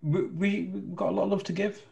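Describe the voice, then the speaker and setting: A man moderating a live Q&A, reading out questions and chatting in a relaxed, good-humoured way. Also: high-pitched, fairly quick, gravelly, a little hiss or hum, low-quality recording. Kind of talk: reading questions, casual chat.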